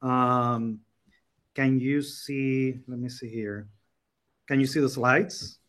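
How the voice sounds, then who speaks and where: Male presenter, forties, from Puerto Rico; halting delivery, video-call sound. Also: mid-range voice, fairly even intonation, fairly bright tone. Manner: hesitant, many ums and uhs. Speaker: program coordinator presenting. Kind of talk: online conference presentation.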